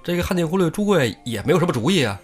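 A man hosting a comic storytelling show, retelling a classic tale in lively, colloquial speech with wry asides. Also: on the high side, racing, slightly rough, faint music behind. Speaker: storyteller host.

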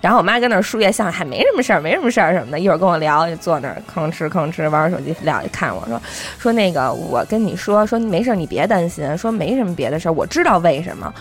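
Lively woman telling a funny story. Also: fairly low pitch, fast, few pauses, soft background music. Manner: lively anecdote-telling, acting out quoted dialogue. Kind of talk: casual chat.

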